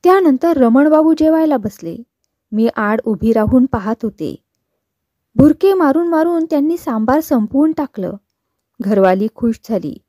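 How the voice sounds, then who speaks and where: A woman reading a novel aloud in steady scripted narration with quoted dialogue. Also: sits high, a little slow, dry recording. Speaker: novel reader.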